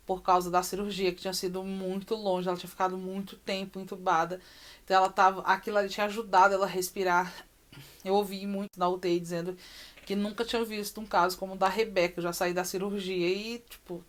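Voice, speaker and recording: Woman, mother on a personal vlog, emotional and repetitive delivery, lots of pauses, mid-range voice. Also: mid-range voice. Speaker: mother recounting her daughter's surgery.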